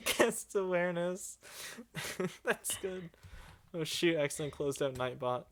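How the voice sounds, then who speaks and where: A man's voice: fairly high pitch, animated, unhurried, fairly bright tone. A teenage male streamer chatting casually while he plays, joking and laughing often. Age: teens. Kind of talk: casual chat while gaming.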